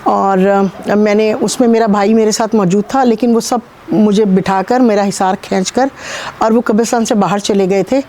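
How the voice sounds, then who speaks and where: Calm woman with a mellow voice. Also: mid-range voice, a little hiss or hum. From Pakistan. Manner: calm, measured storytelling with frequent pauses. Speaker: spiritual healer guest. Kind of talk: interview, recounting personal experiences.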